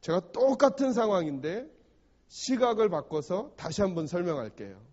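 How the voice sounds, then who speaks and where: High-voiced man preaching in a hall. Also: very animated, normal speed, a little mellow. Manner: storytelling, asks the congregation rhetorical questions. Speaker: pastor. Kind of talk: sermon. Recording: dull recording in a reverberant church hall.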